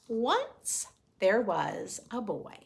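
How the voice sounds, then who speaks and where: A woman reads a picture book aloud to preschoolers, hosting the session as a children's story reader. Her lively voice ranges widely in pitch, carries some creak, and stretches out words. She shifts between expressive storytelling and chatty, questioning asides aimed at her young listeners.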